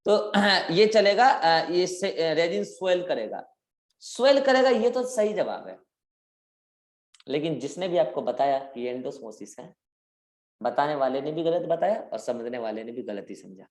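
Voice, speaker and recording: A man's voice: on the high side, lively intonation, unhurried. A man teaching a biology class, quizzing his students and drawing out key words for emphasis. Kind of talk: live interactive class lecture. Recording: roomy echoing classroom.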